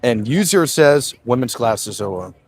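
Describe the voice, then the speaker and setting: Speaking at normal speed in a mid-range voice, this livestreamer in his twenties wanders as he talks, reading out comments from viewers. He keeps it loose and easygoing, dropping plenty of "uh"s and "man"s.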